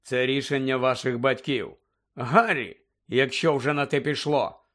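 A man's voice: mid-range voice, steady tone, unhurried, fairly bright tone, close to an everyday voice. A man voicing an impatient grown man who answers coldly and with restraint. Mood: tense. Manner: cold, clipped, restrained.

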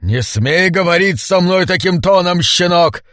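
A man voicing a haughty, bad-tempered old man in a wheelchair, domineering and prone to shouting, in an audiobook. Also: fairly high pitch, expressive, unhurried, no room sound, clean studio sound. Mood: furious. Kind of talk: audiobook character voice.

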